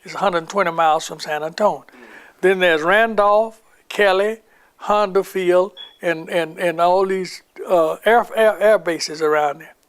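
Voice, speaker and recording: His voice sits high and smooth, fairly bright, at a measured pace. The older man wanders through recollections of army life during the war for an oral history interview, voicing the people he quotes.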